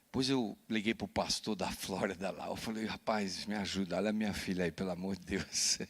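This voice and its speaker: A Brazilian man, a pastor, telling a personal story in a sermon, animated and often adding "né?" to his lines. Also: fairly low pitch. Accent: Brazilian Portuguese. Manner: animated storytelling with frequent "né?" tags. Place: church.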